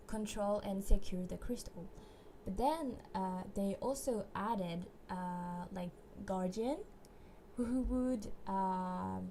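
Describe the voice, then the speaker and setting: A woman chats casually on a livestream, thinking aloud and restarting her sentences. Her voice is mellow and her pace unhurried. A faint hum sits under the recording. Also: mid-range voice, creaky. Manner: hesitant, many fillers and restarts. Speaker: streamer.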